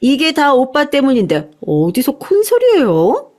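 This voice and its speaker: A woman doing a sharp-tongued sneering young woman. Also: high voice, wildly swooping pitch, unhurried, full character voice. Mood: scornful. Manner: sneering, cutting.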